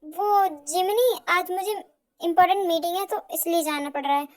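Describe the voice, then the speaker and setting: A woman's voice: extremely high pitch, normal speed. A woman doing a cold evasive young husband. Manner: hesitant, evasive, then firm. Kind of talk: amateur fan audio drama.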